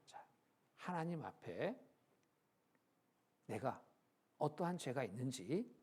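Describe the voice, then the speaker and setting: Gravelly middle-aged man preaching. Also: medium pitch. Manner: storytelling with sudden loud and hushed turns. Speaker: pastor. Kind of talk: sermon. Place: church.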